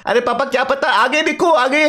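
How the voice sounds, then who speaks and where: A cheeky young boy in a game, put on by a man, whining and teasing his dad in a high voice. The pitch sits well above the man's own talk. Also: steady tone, normal speed, bright, forceful tone. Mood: playful.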